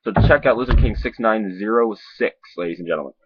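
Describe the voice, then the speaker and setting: A man talking with a lip full of dip, giving a casual, rambling, sweary and halting review to camera. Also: lowish voice, over music. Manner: sweary, informal, halting and repetitive. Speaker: dip reviewer on a video channel. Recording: dull lo-fi sound.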